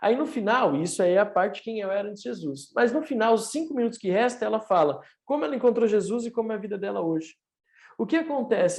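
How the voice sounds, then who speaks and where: With a high, creaky voice that is a little mellow, a thirty-something pastor recounts his testimony in an online service, earnest and preacherly, his emphasis rising.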